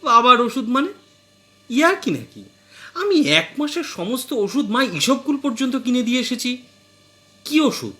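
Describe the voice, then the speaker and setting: A man's voice: extremely high pitch, a little slow, sharp tone, voice pushed up, exaggerated voice. A man voicing a scandalized middle-aged wife who wails, scolds and sobs in a piercing shriek. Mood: suspicious. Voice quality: piercing shriek, wailing and laughing through tears.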